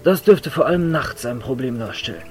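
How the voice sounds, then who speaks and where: A man's voice: mid-range voice, lively intonation, brisk, darkish tone, faint music behind, close to an everyday voice. A man playing a cocky, bumbling police detective in a comedic audio drama. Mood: cocky, dry.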